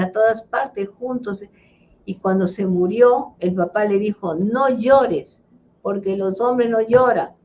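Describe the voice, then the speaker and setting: A woman's voice: medium pitch, dark tone, slight background noise. A middle-aged woman psychologist answering interview questions, telling a case story with many fillers and restarts. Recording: dull lo-fi livestream sound.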